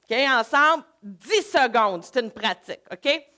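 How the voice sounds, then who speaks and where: High-voiced Québécois woman leading a workshop. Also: measured pace. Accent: Québécois French. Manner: energetic, coaxing. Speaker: laughter workshop leader. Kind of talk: live workshop talk to an audience.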